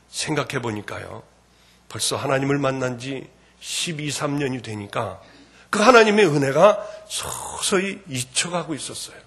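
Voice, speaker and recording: A middle-aged man giving an emotional spoken testimony in church, fervent and swinging between hushed and loud. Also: on the high side, husky.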